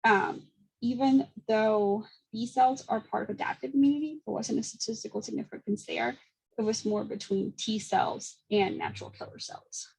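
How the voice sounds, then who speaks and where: A young woman presents a seminar talk at a brisk clip, with frequent ums and small laughs. Her voice has a gravelly fry and a slightly husky edge. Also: a little high, a little mellow, low-quality recording. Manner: quick, with fillers and small laughs. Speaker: student presenter.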